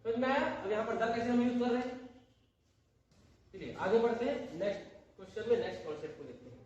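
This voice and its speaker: A high-voiced man teaches a grammar lesson, asking questions of the class and repeating each point. He is heard from across an echoing room, with faint noise behind him. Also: brisk, darkish tone, lo-fi sound. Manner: repeats and asks rhetorical questions. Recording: echoey room, voice from far off.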